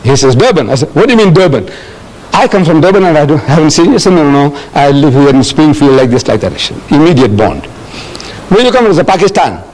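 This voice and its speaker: An older South African man answers audience questions during a lecture, animated and telling stories complete with acted-out dialogue. His voice is a little high, he talks quickly, and the recording quality is low.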